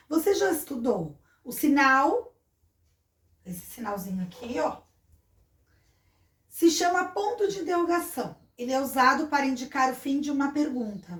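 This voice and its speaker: A Brazilian woman teaches a schoolbook lesson in a high-pitched voice, patiently walking her pupils through each exercise. Her voice carries a noticeable room echo. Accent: Brazilian Portuguese. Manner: patient, explains step by step, addresses pupils as a little class.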